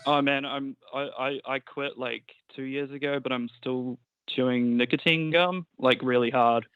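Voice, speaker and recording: A man's voice: mid-range voice, steady tone, normal speed, smooth, no echo. A man with a broad New Zealand accent chatting casually and laid-back as a phone-in caller, with plenty of slang and swearing. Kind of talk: casual chat. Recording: tinny, narrow phone-line sound.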